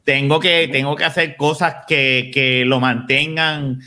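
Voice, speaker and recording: A man hosting a casual podcast chat, telling animated stories and swearing freely. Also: medium pitch, measured pace. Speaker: podcast host.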